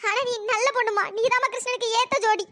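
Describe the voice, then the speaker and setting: A voice actor doing a shrill stubborn cartoon mother. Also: steady tone, fast, sharp tone, no echo, studio quality. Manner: melodramatic, pleading and threatening. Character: stubborn scheming mother, middle-aged woman. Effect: pitch-raised voice. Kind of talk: cartoon drama dialogue.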